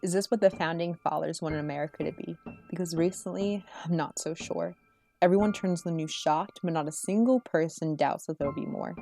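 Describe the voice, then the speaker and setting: A woman performing spoken word slam poetry in an earnest, rhythmic, rhyming delivery with measured phrases. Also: lowish voice, gravelly, mellow, soft background music.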